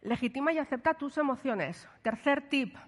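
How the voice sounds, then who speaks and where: A woman giving a lively workshop talk to an audience. She asks the listeners questions and checks in with them often. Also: high-pitched, moderate pace. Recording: long hall reverb.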